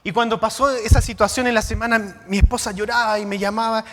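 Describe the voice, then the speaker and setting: A male pastor preaching a sermon, asking rhetorical questions and swinging between loud and quiet. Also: high voice, steady tone, fast talker, faint music behind. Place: church. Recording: long reverb of a church hall.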